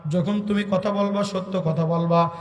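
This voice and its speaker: A man's voice: sits high, fairly even intonation, normal speed, close to an everyday voice. A preacher doing a stern loving mother. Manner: earnest admonishing tone. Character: stern loving mother instructing her young son. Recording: echoey hall, from far off.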